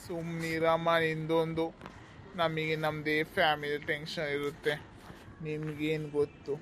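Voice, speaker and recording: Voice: mid-range voice, completely flat delivery, a little slow, fairly bright tone, a little hiss or hum, natural voice. A performer voicing a tired male driver in a cartoon who apologizes to a passenger and mutters complaints. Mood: grumbling. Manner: apologetic then grumbling under his breath. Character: sleepy, grumbling middle-aged male driver.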